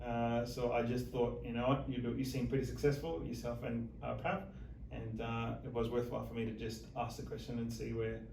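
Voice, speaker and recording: A man in his thirties from Zimbabwe, a financial planner being interviewed, talking in a measured, hesitant way full of fillers. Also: medium pitch, completely flat delivery, creaky, noisy background. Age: 30s. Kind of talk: interview chat. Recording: echoey room, mic at a distance.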